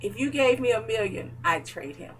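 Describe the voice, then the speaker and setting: A woman's voice: a little high, lively intonation, normal speed, distant mic, over music, low-quality recording. A woman interviewing her neighbor in a casual home chat, chatty and playfully teasing. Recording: voice from away from the mic.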